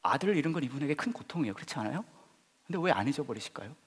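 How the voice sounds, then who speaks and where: A male pastor giving an Easter sermon. He swings from loud, emphatic lines to soft, whispered confessions. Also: mid-range voice, very animated, very fast, husky. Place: church sanctuary. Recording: reverberant hall.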